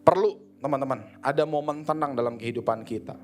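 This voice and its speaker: Seorang pria berlogat Jakarta berkhotbah dengan santai dan akrab, sering memerankan percakapan dengan dirinya sendiri. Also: male voice, mid-range voice, quick pace, faint music behind. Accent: Jakarta Indonesian. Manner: conversational, slangy, acts out inner dialogue. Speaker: preacher. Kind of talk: casual sermon. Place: church service.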